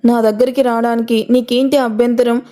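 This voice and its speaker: A woman voicing a young father who shouts and argues, then pleads, in a storybook reading. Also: on the high side, flat delivery, a little fast, natural voice. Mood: pleading. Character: angry insistent young father, demanding man.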